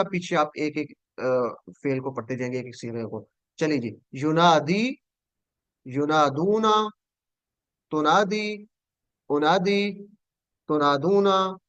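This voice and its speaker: In an online class, a man teaches Quranic Arabic, patiently saying each verb form slowly and having students repeat it after him. His voice is fairly high and the recording is dry.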